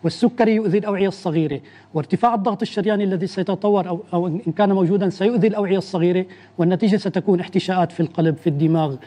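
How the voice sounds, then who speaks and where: A man, an internal medicine doctor, explaining medical facts in a measured way on a TV interview, often restarting his sentences. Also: high-pitched, steady tone, mellow.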